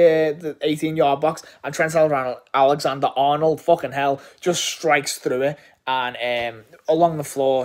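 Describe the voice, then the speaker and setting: Excitable English football fan, rambling. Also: male voice, fairly high pitch. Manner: enthusiastic, rambling, frequent swearing and restarts. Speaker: football fan reviewing a match. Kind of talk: casual post-match reaction.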